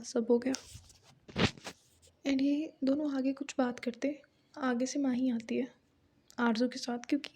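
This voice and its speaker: Chatty high-voiced young woman storyteller. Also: a little mellow, slight background noise. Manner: chatty, conversational, full of fillers. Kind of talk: casual audio story narration.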